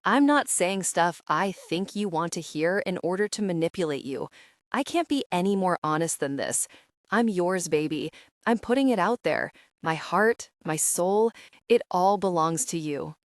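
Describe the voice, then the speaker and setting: A woman's voice: on the low side, expressive, a little slow, no room sound, studio quality. A woman voicing an intense, protective, dominant billionaire man who speaks tenderly and earnestly.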